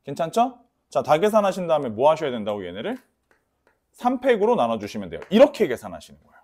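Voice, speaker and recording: Emphatic male math teacher, lively pitch. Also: quick pace. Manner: emphatic, mixes polite speech with rough slang; repeats key warnings, asks students for confirmation. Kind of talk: lecture to students.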